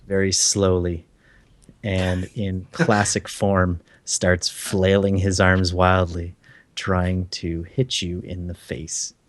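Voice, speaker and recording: A man narrating a tabletop game as dungeon master, in a relaxed and playful way. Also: low voice, slow pace, dry recording.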